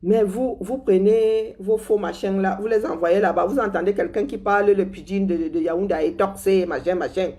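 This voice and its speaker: A woman's voice: medium pitch, a little mellow. A woman from Cameroon with a Cameroonian French accent, delivering a sarcastic, scornful political commentary.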